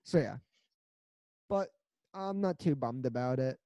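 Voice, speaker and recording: A man's voice: medium pitch, lively intonation, measured pace, dark tone, no room sound. A man co-hosting a casual sports podcast, rambling and joking as he chats. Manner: rambling, joking, laughs often. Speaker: podcast co-host.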